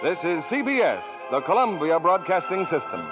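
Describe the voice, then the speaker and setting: Lively 1940s radio announcer, tinny. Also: male voice, high-pitched, loud music behind the voice. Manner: brisk, emphatic announcer cadence.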